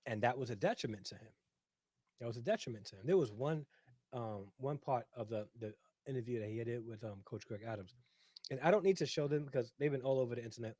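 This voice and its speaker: A fast-talking, middle-aged man runs a casual livestream, reading out viewers' comments, repeating himself, and saying "right?" often. His voice is medium-pitched and a little mellow, with no room sound.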